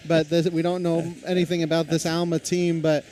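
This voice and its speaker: A man announcing a high school basketball game play-by-play, talking in a casual, conversational way. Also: little pitch movement, brisk, mellow. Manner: conversational, reads lineups, self-deprecating.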